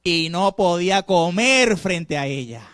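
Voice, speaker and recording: A man preaches a sermon in a high voice, pressing his points with sudden swings from loud to hushed. He speaks straight to his congregation with rhetorical questions. The sound is dry, with little room echo. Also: animated, slow. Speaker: pastor.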